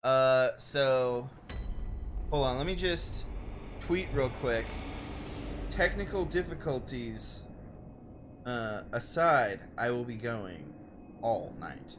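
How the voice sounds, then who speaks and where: A young man chatting casually through a game stream, rambling and excitable, exclaiming at the game as he plays at home. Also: medium pitch, slow pace, long pauses, noisy background. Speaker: let's play streamer. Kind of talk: casual gameplay commentary. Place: home room.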